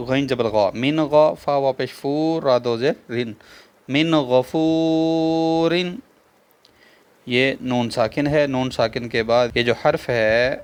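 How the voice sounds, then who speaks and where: A man with a Pakistani Urdu accent teaching a Quran reading lesson step by step. He spells out letters and vowel marks, drawls the joined words slowly, repeats each rule and puts questions to the viewer. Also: mid-range voice.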